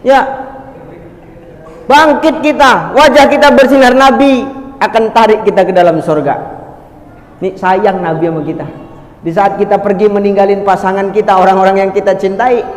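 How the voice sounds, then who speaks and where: A man's voice: high-pitched, fairly even intonation, normal speed, pauses often. A man preacher giving a jokey storytelling sermon, talking straight to the crowd as sir and madam. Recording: echoey hall reverb.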